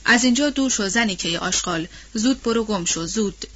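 A woman's voice: mid-range voice, animated, breathy edge. Casting: woman narrator doing a proud young lady lashing out, cutting and commanding, muffled lo-fi audiobook sound. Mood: scornful. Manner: sharp, scornful, commanding.

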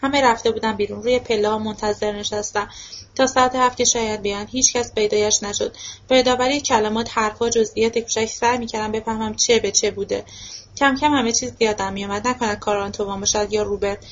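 Woman reading an audiobook, lo-fi sound. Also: mid-range voice. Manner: steady first-person narration. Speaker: audiobook reader. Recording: dull lo-fi recording.

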